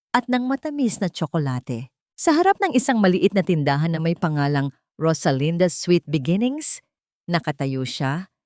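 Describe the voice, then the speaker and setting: A woman storyteller with a fairly low, slightly mellow voice narrates a scripted romantic drama in measured, sentimental phrasing, like an audio storybook. The recording is dry and close, with no echo.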